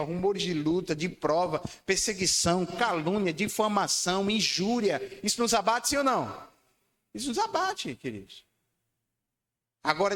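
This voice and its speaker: A man preaching a sermon, asking his congregation to repeat lines back to him. He swings between loud, high declarations and low, quiet lines. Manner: emphatic, calls for congregation responses. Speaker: pastor. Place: church hall. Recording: long church hall reverb.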